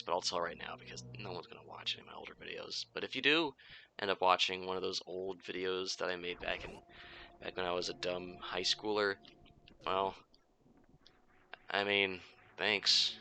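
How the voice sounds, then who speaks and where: Man, 20s, low-pitched, very bright and sharp tone, casual gaming chat, swears a lot, restarts sentences. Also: creaky, slight background noise. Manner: swears freely, restarts sentences, loose and candid. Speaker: gaming podcast host. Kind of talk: casual rambling chat while playing a game.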